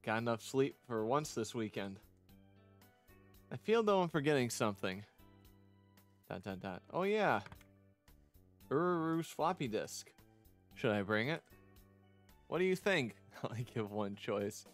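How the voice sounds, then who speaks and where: A man with a mid-range, sing-song voice streams a visual novel, reading it aloud unhurriedly with long pauses while soft music plays. Between read lines he rambles into chatty asides, making for casual playthrough commentary.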